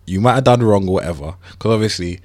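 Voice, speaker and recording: Talking fast in a lowish, darkish voice, a thirty-something London man trades casual banter as a podcast co-host, peppering it with roadman slang. The recording has no room sound.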